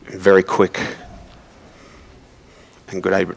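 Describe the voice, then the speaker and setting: A man from Australia co-commentating a snooker match, rambling through stories with many pauses and ums. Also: low-pitched, completely flat delivery, creaky, a little hiss or hum. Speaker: co-commentator and former player. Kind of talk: relaxed snooker commentary and anecdotes.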